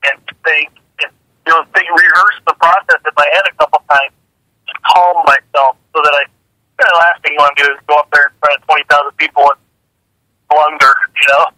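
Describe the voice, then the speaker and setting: A woman's voice: low voice, fairly even intonation, fairly quick, bright, forceful tone, no room sound, poor audio. A woman who drives jet dragsters, chatting casually in an interview, repeating words and laughing easily.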